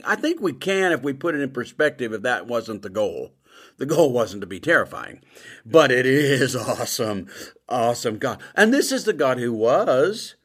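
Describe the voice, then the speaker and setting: A middle-aged man preaching a sermon with emphatic swings between loud bursts and quiet asides. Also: medium pitch.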